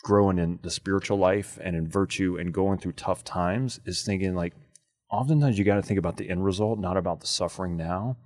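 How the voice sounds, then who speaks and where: A man's voice: deep voice, brisk, a little mellow, dry recording, studio quality. A middle-aged man talking with braces in his mouth, hosting a show with casual chat and anecdotes. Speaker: podcast and radio show host.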